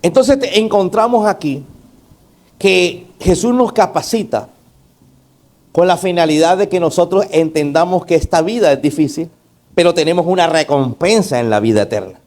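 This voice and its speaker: A man's voice: moderate pace, darkish tone. A male pastor preaching a sermon, emphatic, throwing rhetorical questions and call-outs to the congregation. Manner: emphatic, varying between raised and low delivery.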